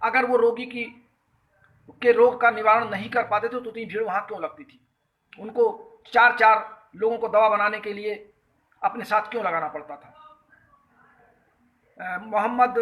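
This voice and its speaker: A man with a strikingly high, bright and forceful voice, speaking Hindi with an Uttar Pradesh accent. He hosts a live call-in talk, greets callers by name and earnestly explains an article point by point. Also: steady tone, a little slow, long pauses, poor audio. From Uttar Pradesh, India. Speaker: host of a health talk show.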